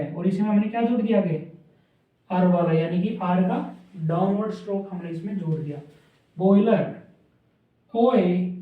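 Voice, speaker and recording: A man teaching a shorthand lesson, repeating sounds aloud as he draws strokes. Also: high voice. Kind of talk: classroom lesson. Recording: echoey room from a distant mic, dull.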